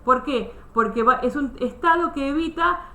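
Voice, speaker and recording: A woman's voice: sits high, normal speed, bright, forceful tone, reverberant. A woman teaching a history class over a video call, explaining step by step with restarts and checking that students follow.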